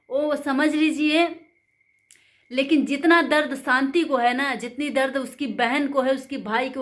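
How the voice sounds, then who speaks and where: Indignant high-voiced woman vlogger. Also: fairly bright tone. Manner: indignant, rambling and emphatic. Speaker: channel host. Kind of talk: angry commentary vlog.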